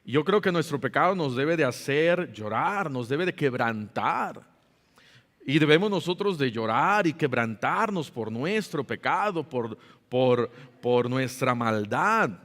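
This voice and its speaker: A man's voice: medium pitch, lively intonation, unhurried, a bit bright, big-room sound. A man preaching a Sunday school sermon as pastor, slipping into emotional pleading prayers. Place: church sanctuary.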